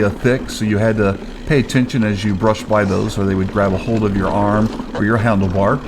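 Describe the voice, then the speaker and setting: A man's voice: on the low side, background noise. A man in his fifties, a mountain bike vlogger, talking casually about the trail outdoors with plenty of fillers. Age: 50s. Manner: relaxed, rambling with fillers. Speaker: vlog host, mountain biker.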